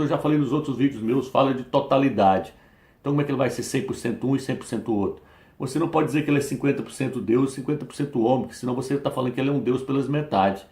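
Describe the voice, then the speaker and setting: A man's voice: mid-range voice, a little mellow, roomy sound. A man preaching insistently to his listeners, often calling them brother, reading and quoting scripture aloud. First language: Portuguese. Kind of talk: preaching to camera.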